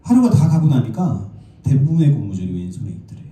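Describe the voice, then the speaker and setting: Animated Korean pastor in a roomy church. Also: male voice, medium pitch, fairly quick. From South Korea. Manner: lively storytelling preacher, asks the congregation questions. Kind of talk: sermon. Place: church sanctuary. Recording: roomy church echo, distant mic.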